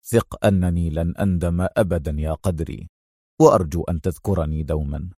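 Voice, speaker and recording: A cool male secret agent, calm and unhurried, his low voice carrying a dry, mocking edge, as a man reads him in a storybook. The sound is close and dry. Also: no echo.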